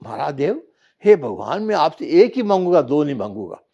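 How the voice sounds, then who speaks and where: A man's voice: on the high side, sing-song, moderate pace, dark tone, lo-fi sound. A man voicing a poor, blind old woman over 60, humble yet shrewd, asking earnestly in a told parable.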